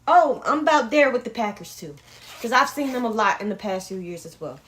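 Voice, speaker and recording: A woman's voice: fairly high pitch, expressive, brisk, fairly bright tone. Blunt, opinionated young woman on sports. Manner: blunt, opinionated, swears often. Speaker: sports podcast host. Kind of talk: casual sports talk.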